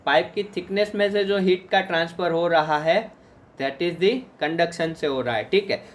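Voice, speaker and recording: A man's voice: a little high, measured pace. A man giving an exam-prep lecture with an Indian accent, mixing Hindi and English and answering his own questions.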